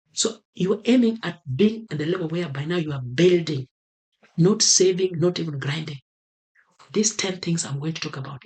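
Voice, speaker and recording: In a low-quality recording, a Kenyan man with a slightly high voice and a Kenyan accent vlogs to camera. His talk is motivational and earnest, and he repeats his key advice to emphasize it.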